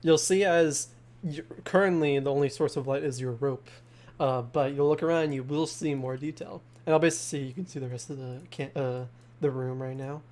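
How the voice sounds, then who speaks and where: A man narrating a tabletop game as game master, describing scenes in a halting way full of fillers. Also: mid-range voice, fairly even intonation, darkish tone.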